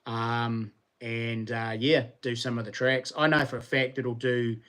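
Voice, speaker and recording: A man's voice: mid-range voice, flat delivery, measured pace, fairly bright tone, smooth. Casual New Zealand man chatting on livestream. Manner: informal, rambling, slangy. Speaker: livestream host. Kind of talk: casual livestream chat with viewers.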